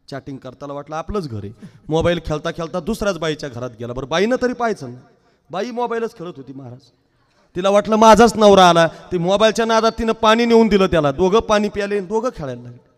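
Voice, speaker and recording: A man giving a devotional sermon, telling stories in a shifting voice from quiet asides to loud calls and breaking into slow song. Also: on the high side. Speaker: kirtan preacher. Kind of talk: devotional sermon with sung verses. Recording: long hall reverb, faint music.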